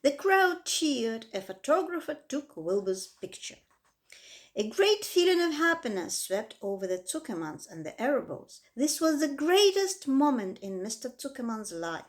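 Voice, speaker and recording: A woman reading a children's book aloud with expressive, dramatic emphasis. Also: sits high, moderate pace. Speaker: reader. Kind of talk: storybook read-aloud.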